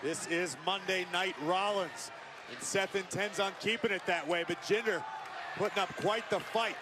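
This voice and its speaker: A man's voice: high-pitched, moderate pace, crowd noise. A man commentating on wrestling, adding analysis in polished, dramatic phrasing. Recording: live arena broadcast with loud noise. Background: loud arena noise.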